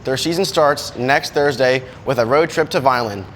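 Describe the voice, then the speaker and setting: A man's voice: mid-range voice, moderate pace, a bit bright, a little hiss or hum. A young man reading a sports segment in an upbeat, chatty way. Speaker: sports reporter.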